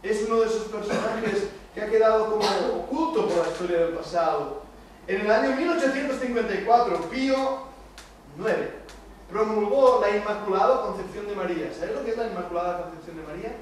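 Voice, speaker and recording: A middle-aged man from Spain with a high voice gives an emphatic Bible lesson, firing rhetorical questions at his listeners. He is picked up from a distance in a very echoey church hall. A faint hiss sits underneath. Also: a little fast. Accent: Spain Spanish. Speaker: church youth teacher. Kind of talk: Bible study lecture to youth. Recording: echoey room, distant mic, faint noise.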